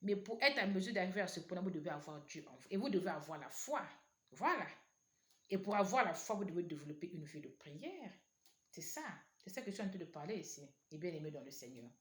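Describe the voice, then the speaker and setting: Low-pitched woman preaching. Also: animated, fairly quick. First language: not French. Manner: earnest, repetitive, exhorting. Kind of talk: sermon, exhortation to online viewers. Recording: echoey room.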